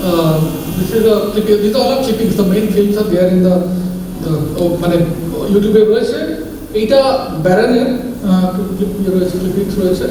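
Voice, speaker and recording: A presenter explaining informally and haltingly to an audience, switching between languages. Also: medium pitch. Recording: echoey room, distant mic, noisy.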